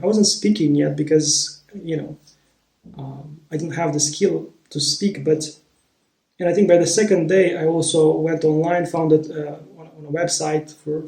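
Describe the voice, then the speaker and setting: In an echoey room, a man whose first language is Romanian recounts something from his own life at an unhurried pace. He's a vlogger with a thoughtful manner, often stopping to hunt for words, and his somewhat high voice comes across gentle and mellow.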